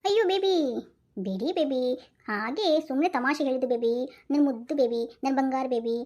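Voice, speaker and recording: A woman's voice: sits high, fairly quick, darkish tone. A woman voicing a bossy young wife in a Kannada cartoon, with a North Karnataka accent, scolding and coaxing by turns. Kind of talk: cartoon voice acting.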